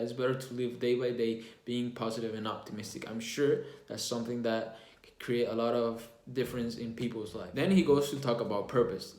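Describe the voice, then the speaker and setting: Young man, earnest casual book review, echoey room, faint music under. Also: mid-range voice. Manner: earnest, plainspoken, with frequent restarts and self-reflection.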